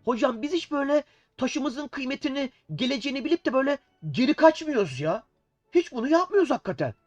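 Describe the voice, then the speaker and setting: A man's voice: very high-pitched, sing-song, fast, no echo, pitched above the performer's own voice. A man voicing an eager, earnest young chess student asking questions in a pleading tone, while he has a cold. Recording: dull sound with faint music.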